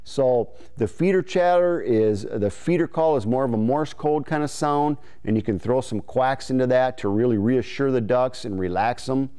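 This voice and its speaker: A man in his forties with a clear, smooth voice, explaining step by step as an informal, folksy instructor on a lapel mic in a studio. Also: mid-range voice, moderate pace, few pauses, mellow. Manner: folksy, informal, imitating call syllables as he explains. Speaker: duck calling instructor. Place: indoor studio in front of a green-screen backdrop.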